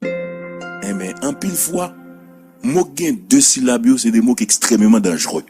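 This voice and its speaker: A man with a Haitian accent hosting a radio show, giving opinionated commentary with emphatic, drawn-out repetitions. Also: medium pitch, sing-song, over music. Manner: emphatic, sing-song stresses, drawn-out repetitions.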